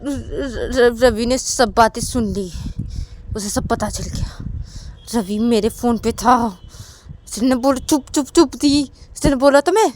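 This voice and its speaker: A woman's voice: mid-range voice, measured pace, creaky, darkish tone, slight background noise. A woman voicing a scared young man in a home-made storybook tale, whiny and panicky. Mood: panicked.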